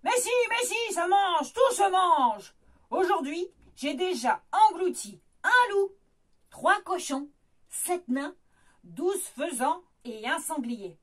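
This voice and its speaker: A woman voicing a big, greedy male ogre who booms and gloats in a storybook reading. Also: big pitch swings, slow pace, exaggerated voice. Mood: gloating. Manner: booming, gloating laughs.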